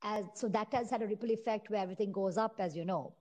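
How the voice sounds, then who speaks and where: A woman's voice: mid-range voice, fast, dark tone, rough recording. A woman from Sri Lanka, giving an earnest, indignant listener comment. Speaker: listener sending a message.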